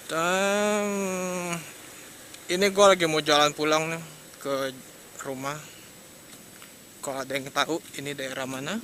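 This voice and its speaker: A young man with a Jakarta accent talks in a slangy, hesitant ramble, laughing now and then as he rides. His voice sits a bit high and sounds bright and tense. A faint hum of traffic and engine runs under his talk. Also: fairly even intonation, measured pace, long pauses. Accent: Jakarta Indonesian. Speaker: motovlogger. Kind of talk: casual rambling chat while riding. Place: riding a motorbike at night on city streets. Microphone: external mic on a helmet action cam. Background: traffic and engine noise.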